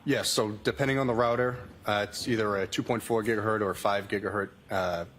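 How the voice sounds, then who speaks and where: A state trooper with a fairly low, fairly bright voice testifies as a police witness from a courtroom witness stand. He reads out log entries in a matter-of-fact, repetitive way, his tone steady and his pace a little fast. Faint noise can be heard on the recording.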